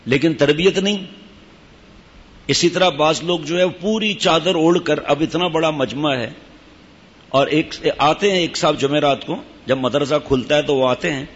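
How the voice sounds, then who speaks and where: A sheikh with a fairly high, breathy-edged voice speaks informally to his disciples on religious matters, chatting conversationally and pausing for occasional asides. The setting is a Sufi lodge gathering, recorded in a dull, echoey hall.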